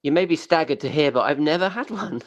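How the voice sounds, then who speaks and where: A man's voice: fairly high pitch, expressive, quick pace, muffled recording. A man chatting playfully on a podcast, with mock-pompous asides. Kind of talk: casual podcast chat.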